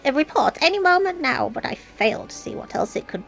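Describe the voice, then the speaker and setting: Fussy little talking-vegetable guardsman for a game, played by a woman; high-pitched and animated. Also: fairly quick, vocal fry, faint music behind, heavily acted. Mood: flustered. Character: small, fussy potato-like male guard officer. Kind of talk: video game dialogue read aloud.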